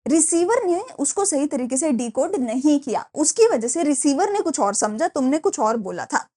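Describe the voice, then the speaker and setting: A young woman teaching a class in a lively, chatty way, mixing in English phrases. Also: high-pitched, normal speed. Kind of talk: classroom lecture.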